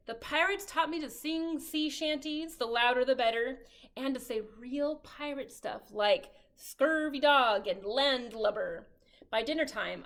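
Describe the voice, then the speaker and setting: Children's storytime reader, woman, high and bright, cheerful and animated. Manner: cheerful, animated read-aloud to kids. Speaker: children's librarian. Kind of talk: children's storytime reading and singing.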